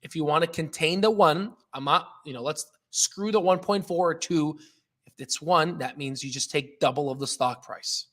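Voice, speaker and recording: Hosting a live stock trading stream, this man talks casually and with emphasis, excitable and joking as he comments and answers chat. His voice is fairly high, at a moderate pace.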